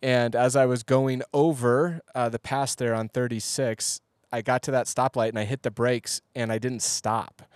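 A man who is a pastor, speaking in a relaxed, conversational way in a casual podcast chat. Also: medium pitch, moderate pace, few pauses, dry recording, clean studio sound. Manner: relaxed, conversational, asks follow-up questions.

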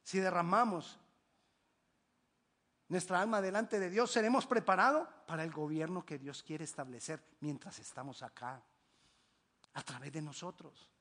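A man preaching a sermon as pastor, with emphatic exclamations, hushed low drops and repeated rhetorical questions. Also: normal speed, pauses often.

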